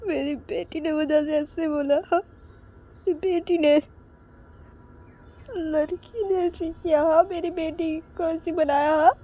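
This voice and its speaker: A woman voicing a grieving middle-aged mother who sobs, turns shrill and drops into whispers while vowing revenge. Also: a little slow, long pauses, warm tone, husky. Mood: weeping, vengeful.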